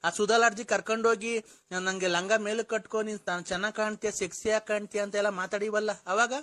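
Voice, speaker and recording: Shrill fast-talking man with a Doddaballapur accent. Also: flat delivery. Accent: Doddaballapur Kannada. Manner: shouting, scolding and accusing. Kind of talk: prank phone call.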